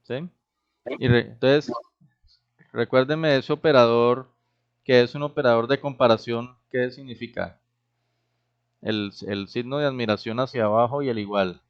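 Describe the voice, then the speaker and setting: A man's voice: medium pitch, steady tone, measured pace, long pauses, smooth. A man teaching a programming class, explaining step by step and often checking that the students follow. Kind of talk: classroom lecture. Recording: dull, lo-fi recorded class.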